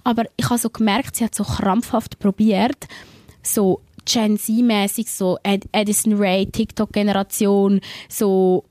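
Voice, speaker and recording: A woman with a Swiss German accent, co-hosting a podcast and telling a story in casual chat, animated and full of filler words and English slang. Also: medium pitch, measured pace, no echo. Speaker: podcast co-host.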